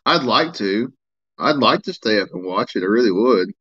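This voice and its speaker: A sleepy man with a drawl and a lowish voice chats his way through a live stream. He rambles in a relaxed way, answering viewers' comments. The sound is a bit dull and lo-fi. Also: normal speed, slightly rough. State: tired, yawning.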